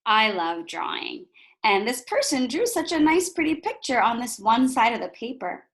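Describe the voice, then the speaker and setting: Her pitch is fairly high and her pace moderate as she reads a picture book aloud to small children, teacher-style. With lively expression, she stops to explain things and asks her young audience questions she doesn't expect answered.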